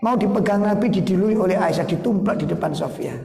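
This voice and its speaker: A man preaching a sermon, telling stories lively with jokes and acted quotes. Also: high-pitched, fast, gravelly. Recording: echoey hall with light noise.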